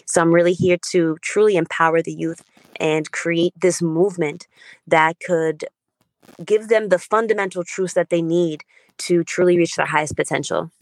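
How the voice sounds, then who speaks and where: Earnest, enthusiastic author with a low voice. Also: female voice, fairly even intonation, moderate pace, no echo. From Germany. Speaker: children's book author, guest. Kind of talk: podcast interview.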